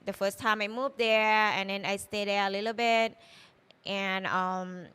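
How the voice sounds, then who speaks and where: Speaking unhurriedly in Thai-accented English, this chef from Thailand, in her thirties, chats freely as an interview guest. Her clear, smooth voice sits at a middle pitch, and she links her thoughts with lots of "you know" and "like."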